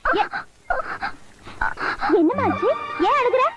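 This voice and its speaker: A woman's voice: very high-pitched, big pitch swings, takes it slowly, highs cut off, music in the background, full character voice. An actress playing a chatty, nosy village woman who teases a girl and fusses over her family's customs, in a film comedy scene. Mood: fussing. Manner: chatty, mocking banter. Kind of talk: Tamil film comedy acting. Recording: film scene with score behind.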